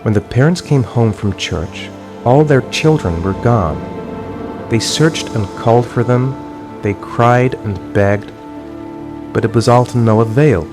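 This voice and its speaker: A man's voice: mid-range voice, over music, lightly acted. A man narrating a grim fairy tale. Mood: somber. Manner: slow, somber storytelling. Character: grave male narrator of a dark tale. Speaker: storyteller.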